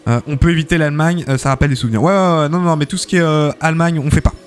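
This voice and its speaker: A man's voice: fairly high pitch, steady tone, rapid-fire, slight background noise. A man hosting a live game stream, commentating matches and reading out chat, chatty and full of fillers, thanking viewers often.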